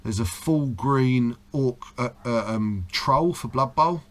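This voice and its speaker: A man's voice: mid-range voice, slow pace. A man, a miniature model artist, chatting casually and proudly as he shows off his handmade pieces at home. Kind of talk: casual guided tour chat. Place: indoor hobby room at home.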